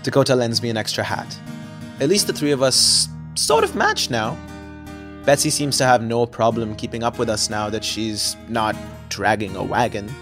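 A man's voice: mid-range voice, very animated, moderate pace, music in the background, lightly acted. A young man narrating in first person as the lead of an audio drama, chatty with wry, self-deprecating asides. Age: young adult.

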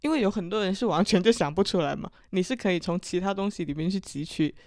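A woman with a Chaoshan Teochew accent chatting casually as a podcast co-host, with an unhurried, artless, unexcitable intonation. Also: on the low side, a little mellow, dry recording, studio quality. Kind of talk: casual chat.

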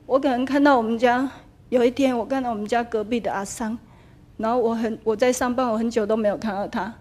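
A woman's voice: fairly high pitch, steady tone, fast talker, darkish tone. A woman with a Taiwanese accent, in her thirties or forties, telling a teacher her personal story, slipping into Taiwanese Hokkien when quoting people. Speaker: attendee asking a spiritual teacher. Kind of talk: personal testimony in a dharma hall.

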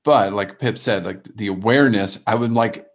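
A man's voice: lowish voice, normal speed. A man co-hosting a casual relationship podcast, talking earnestly and openly about his feelings, rambling a little. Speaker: podcast co-host. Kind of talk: casual reflective chat. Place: remote call from abroad.

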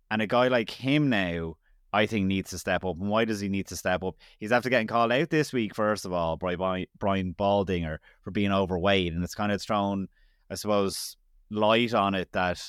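A man's voice: lowish voice, a bit bright, clear, resonant tone, no room sound, clean studio sound. A man with an Irish accent co-hosting a sports podcast, chatting through football analysis with frequent restarts. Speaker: podcast co-host. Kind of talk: casual sports podcast chat.

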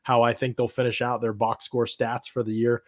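A man hosts a casual sports podcast with a voice that cracks and strains as he talks. His pitch is mid-range and the sound is close and dry. He speaks informally and chummily, like he is among buddies. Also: flat delivery, a little fast, dry recording. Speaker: podcast host.

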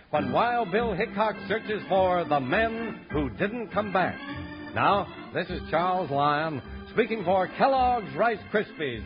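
Old radio announcer: American man, high, lively swooping pitch, emphatic sell, music bed, dull vintage sound. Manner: polished, emphatic sponsor delivery.

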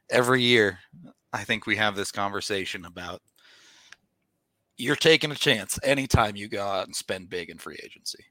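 A man's voice: fairly low pitch, normal speed, long pauses, bright, forceful tone, dry recording. A man hosting a sports podcast, talking casually and reading sponsor spots himself. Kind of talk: casual sports podcast talk with host-read ads.

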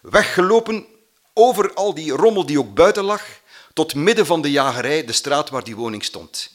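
A man's voice: on the high side, moderate pace. A man from Belgium with a Flemish accent, telling a personal story and acting out the voices of the people in it. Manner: animated, acts out quoted voices.

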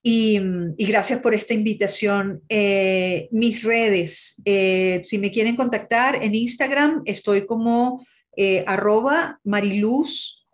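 A woman from Ecuador, a musician and music teacher chatting as an interview guest and often tagging "¿no?". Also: medium pitch. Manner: chatty, adds "¿no?" often and spells things out slowly. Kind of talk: casual interview chat.

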